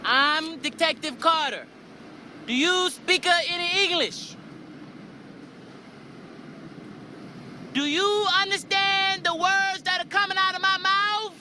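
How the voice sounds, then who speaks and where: A shrill, brash FBI detective. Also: male voice, fairly even intonation, exaggerated voice. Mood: irritated. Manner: shrill, fast-talking, swearing, bossy. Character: brash loudmouthed male FBI detective, impatient and rude. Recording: film clip with loud street noise.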